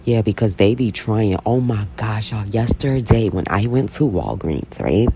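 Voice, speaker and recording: A woman's voice: extremely low pitch, unhurried, a little hiss or hum. A woman casually telling a story as a vlogger, chatty and blunt, often checking in with "right?". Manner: chatty, animated, constantly asks "right?"; blunt and unapologetic. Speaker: Bible reading vlogger.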